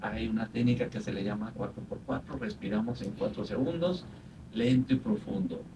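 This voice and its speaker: A man, a psychologist, calmly explaining anxiety in a podcast conversation. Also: mid-range voice, moderate pace, gravelly. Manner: calm, explanatory, retells patients' words. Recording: faint noise, distant from mic.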